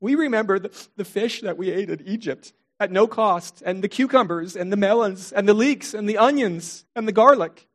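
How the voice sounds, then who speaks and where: A man's voice: mid-range voice, expressive, normal speed, lightly acted. A man voicing a crowd of ancient Israelites in a mocking, whining tone as they complain about their food. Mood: whiny.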